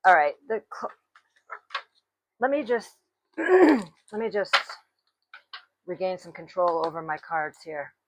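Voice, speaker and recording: A woman giving a tarot reading, speaking slowly and deliberately and clearing her throat now and then. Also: fairly low pitch, expressive, noisy background. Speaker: tarot reader.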